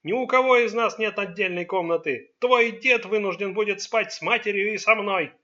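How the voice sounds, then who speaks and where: Proud, quick-tempered father, stern and commanding, read by a man; storybook. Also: a little high, bright, forceful tone, lo-fi sound, full character voice. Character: stern immigrant father, proud, easily angered.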